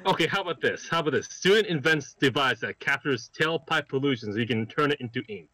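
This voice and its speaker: Teasing man, podcast banter, bright tense voice, dry close sound. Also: mid-range voice, lively intonation, fast talker, no room sound, low-quality recording. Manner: teasing, repeats himself, laughs often. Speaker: podcast co-host. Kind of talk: casual chat on a live stream.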